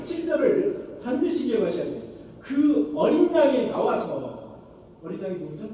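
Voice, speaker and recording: A man's voice: very high voice, dark tone, a little hiss or hum. A man preaching a sermon as pastor, often asking the congregation questions and answering them himself. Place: church sanctuary. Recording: echoey church hall from far off.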